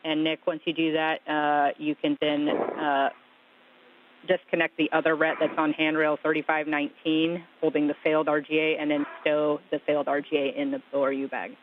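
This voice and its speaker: A man with a slightly high voice works as a space communicator, like something from science fiction. He gives measured technical instructions over a narrow, hissy radio link. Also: completely flat delivery. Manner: sci-fi communicator style, measured technical delivery. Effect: radio transmission. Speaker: spacecraft communicator in mission control. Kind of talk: procedural radio instructions to astronauts.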